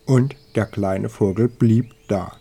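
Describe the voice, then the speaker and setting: Low-voiced man reading a fairy tale, slow and measured, faint hiss behind. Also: creaky, mellow. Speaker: storyteller. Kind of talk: storybook reading.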